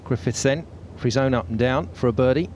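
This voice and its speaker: A man's voice: mid-range voice, a little fast, a little mellow, a little hiss or hum. A man working as a golf commentator, describing tournament play as it happens.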